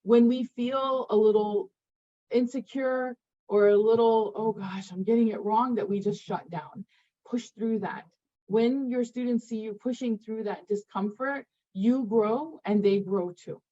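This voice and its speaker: A middle-aged woman presenting in an online session, telling a personal story in a lively, expressive way. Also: on the high side, measured pace. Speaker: presenter, parent. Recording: muffled lo-fi audio.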